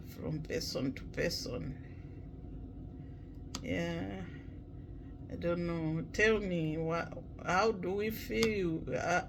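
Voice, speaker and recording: A man from Malawi, talking slowly and reflectively in a casual vlog, with many pauses and fillers. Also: sits high, noisy background. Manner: halting, many pauses and "you know" fillers, clears throat often. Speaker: vlogger.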